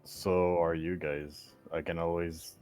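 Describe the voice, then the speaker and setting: Male tabletop player, low voice, laconic offhand delivery, faint music underneath. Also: little pitch movement, slow pace, a little mellow. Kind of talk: casual in-character role-play.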